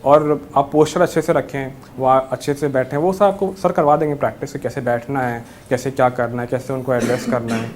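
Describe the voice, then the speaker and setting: A man's voice: medium pitch, steady tone, a little fast, hardly any pauses, darkish tone, a little hiss or hum. A young man giving friendly, reassuring interview advice and mixing English words into his Hindi. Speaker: interview guest, newly selected civil judge.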